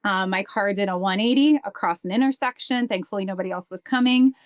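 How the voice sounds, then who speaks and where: A woman's voice: mid-range voice, quick pace, no echo, lo-fi sound. A woman telling a personal story as a podcast guest, earnest, with many fillers and restarts. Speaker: guest, insurance business development director. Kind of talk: conversational storytelling.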